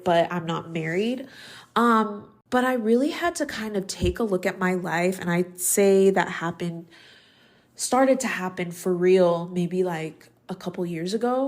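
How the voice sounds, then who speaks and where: A woman in her thirties hosting a solo podcast, talking in a chatty, reflective way with lots of ums and likes. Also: lowish voice. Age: 30s. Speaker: podcast host. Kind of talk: casual solo podcast talk.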